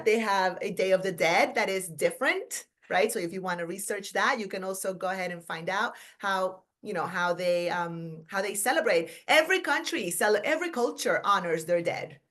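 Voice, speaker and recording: A woman's voice: medium pitch, expressive, moderate pace, few pauses, fairly bright tone. A middle-aged woman teacher giving a conference workshop talk, chatty and informal, checking in with "right?" and correcting herself mid-sentence. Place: conference room.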